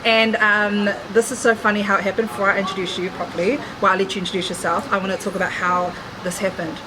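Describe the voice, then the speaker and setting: A woman's voice: mid-range voice, flat delivery, fast talker, noisy background. A woman hosting a podcast in an effusive, informal, chatty way. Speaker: podcast host. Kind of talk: casual, chatty podcast talk.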